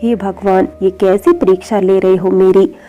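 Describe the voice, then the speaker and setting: A woman's voice: mid-range voice, fairly even intonation, moderate pace, dark tone, dull audio, soft background music, close to an everyday voice. A woman voicing an anxious young wife who pleads through tears. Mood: despairing. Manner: pleading, tearful.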